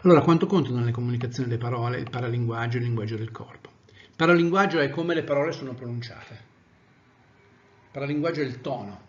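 Animated Italian male trainer, lo-fi. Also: medium pitch, fast talker. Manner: animated, varies volume widely, demonstrates tones of voice. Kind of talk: training lecture.

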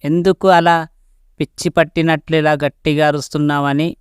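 A man's voice: fairly high pitch, flat delivery, normal speed, smooth, no echo, studio quality, lightly acted. A man voicing a teasing, affectionate young woman in a spoken love story, asking playful questions.

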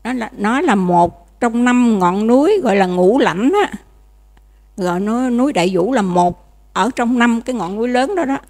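A nun, giving a dharma lecture in a conversational way and often checking that listeners follow. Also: female voice, fairly high pitch, moderate pace, darkish tone. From Vietnam. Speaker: Buddhist nun teaching.

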